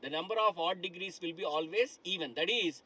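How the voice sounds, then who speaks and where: Fairly quick and high-pitched, with a pushed, bright tone and a breathy edge, a middle-aged man teaches a live online lecture. He stands in a studio in front of a dark digital board, repeating himself, asking the class questions and constantly saying "my dear friends."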